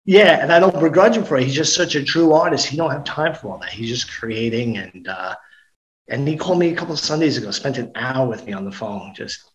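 A middle-aged actor and comedian appears as a podcast guest, chatting upbeat about his projects and frequently restarting sentences. His mid-range voice is lively and fairly quick, with the high frequencies cut off.

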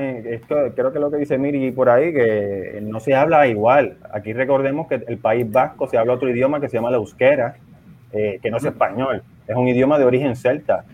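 A Puerto Rican man, whose Puerto Rican Spanish accent has been partly softened by years of living in Spain, joins a casual conversation as a guest. His mid-range voice explains things at a measured pace with frequent chuckles, coming through a tinny, phone-like remote line with slight background noise.

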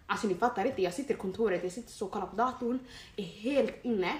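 A young woman co-hosting a casual chat, telling stories in an animated, slangy way and swearing often. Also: medium pitch. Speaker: podcast co-host. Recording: echoey room with faint noise.

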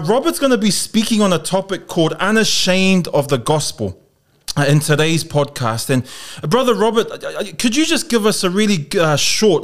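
Pacific islander kiwi guy hosting a church podcast, bit high voice, preachy phrasing with lots of uhs. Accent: Pacific Islander New Zealand. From South Auckland, New Zealand. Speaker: podcast host.

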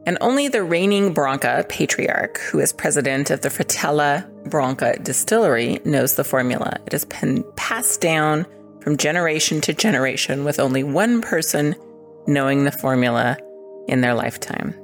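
Low-voiced dry American woman. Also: expressive, normal speed, soft background music. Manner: dry, wry. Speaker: podcast contributor. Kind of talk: scripted comic segment.

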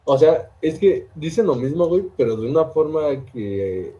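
A man's voice: fairly high pitch, expressive, moderate pace, warm tone, dull audio. A man co-hosting, giving slangy, laughing reactions in casual chat. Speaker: co-host.

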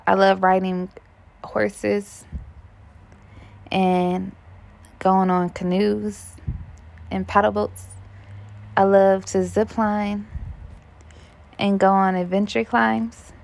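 A woman's voice: medium pitch, creaky. A woman vlogger rambling casually to her viewers, musing aloud and correcting herself as she goes. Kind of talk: casual rambling chat to camera.

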